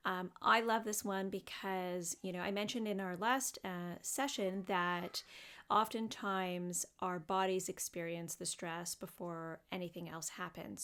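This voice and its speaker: A woman psychotherapist leads a guided body scan meditation, speaking gently and without hurry, with frequent fillers. Her voice is on the low side.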